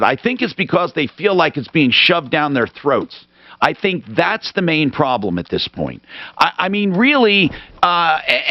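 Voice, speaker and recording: A man with a lively, highish voice runs a radio phone-in. He is blunt and emphatic and interrupts freely. The sound is close and dry, a little dull. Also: no room sound. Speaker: radio talk show host. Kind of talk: unscripted call-in talk.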